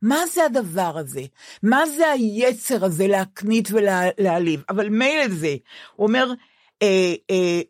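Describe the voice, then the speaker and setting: An older woman co-hosting a podcast, speaking deliberately in casual chat and questioning things indignantly. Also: on the high side, no echo, studio quality. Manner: deliberate, reads quotes out slowly and questions them indignantly. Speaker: podcast co-host.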